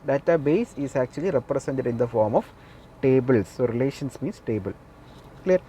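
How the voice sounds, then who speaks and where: A man's voice: fairly high pitch, dark tone. A man lecturing a class, repeating key points and often checking with the listeners that they follow.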